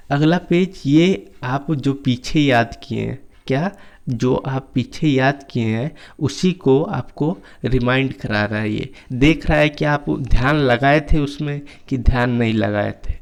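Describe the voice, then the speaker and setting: A man's voice: mid-range voice, a little mellow. A man teaching a recorded lesson, who spells words letter by letter and keeps asking and answering his own questions. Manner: slow, repetitive call-and-response questioning, spelling letter by letter. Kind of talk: recorded lesson over slides.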